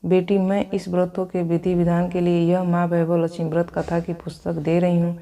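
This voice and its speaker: A woman voicing a kindly, wise old mother figure in a devotional storybook tale, who gives gentle advice. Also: lowish voice, completely flat delivery, normal speed, natural voice. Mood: gentle, consoling. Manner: soothing, consoling advice.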